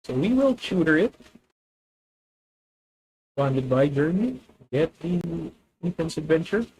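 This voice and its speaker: Fairly high in pitch yet darkish and slightly rough in tone, this man speaks slowly with lively intonation. He's from the Philippines, has a Filipino accent, and gives live commentary on a card game he plays on stream, chatting with viewers, all on a low-quality recording.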